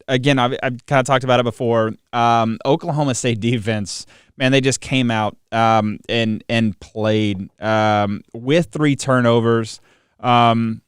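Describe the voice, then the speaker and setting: A man's voice: mid-range voice, clear, resonant tone, no room sound, clean studio sound. A man in his thirties co-hosting a casual sports talk show, upbeat and laughing with lots of fillers. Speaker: podcast co-host.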